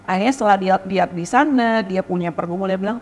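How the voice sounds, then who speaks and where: A woman's voice: mid-range voice, fast talker, a little mellow, soft background music. Chatty woman in a reverberant hall. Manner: chatty, tags sentences with "gitu ya". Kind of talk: panel discussion.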